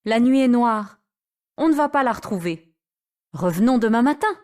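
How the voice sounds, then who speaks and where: A woman voicing a spirited, sharp-tongued teenage girl who speaks in a firm manner. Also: on the high side, animated, moderate pace, pitched above the performer's own voice, close to an everyday voice. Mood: worried. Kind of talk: audiobook character voice.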